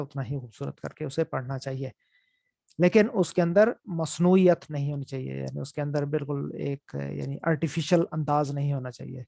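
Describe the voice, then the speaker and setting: A man's voice: a little high, vocal fry, mellow, dry recording, clean studio sound. A man teaching a class on Quran recitation rules, explaining step by step and often repeating key points. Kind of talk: online class lecture.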